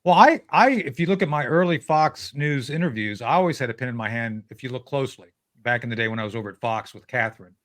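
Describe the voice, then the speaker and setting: A male pundit reacts to clips in an emphatic voice, stopping and repeating himself as he points things out. His voice sits at a middle pitch for a man. He keeps talking straight through his remarks. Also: lively intonation, fast, few pauses, fairly bright tone. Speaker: panel commentator. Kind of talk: reaction commentary.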